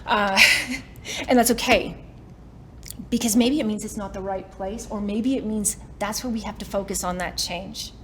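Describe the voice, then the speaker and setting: A woman's voice: mid-range voice, steady tone, normal speed, a little hiss or hum. A woman in her forties giving a motivational talk to a live audience, chatty and self-mocking, often laughing between lines. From Canada. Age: 40s. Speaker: keynote speaker. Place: summit stage in front of an audience.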